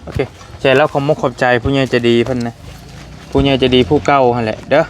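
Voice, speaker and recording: A man's voice: mid-range voice, steady tone, fast, slight background noise. Chatty Lao-accented man vlogging outdoors. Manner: chatty, coaxing, repeats phrases. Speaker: vlogger delivering donation. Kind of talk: casual village vlog.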